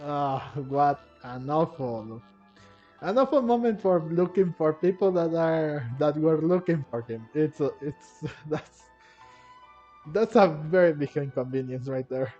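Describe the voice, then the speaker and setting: A man with a fairly high, dark-toned voice and lively intonation gives unhurried, casual commentary on his gameplay, hesitating, rambling and often repeating words. The audio is muffled, with faint game music in the background.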